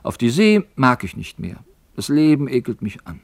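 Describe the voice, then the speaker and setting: A man's voice: medium pitch, big pitch swings, moderate pace, dry recording, pitched above the performer's own voice. A man voicing a young grieving sailor who pleads in a raised, impassioned voice. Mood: despairing. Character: young grieving male sailor, despairing and earnest.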